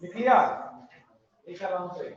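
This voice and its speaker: A man teaching chemistry in a classroom lecture, joking and briskly urging students to write fast. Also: high voice. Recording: echoey room, muffled sound.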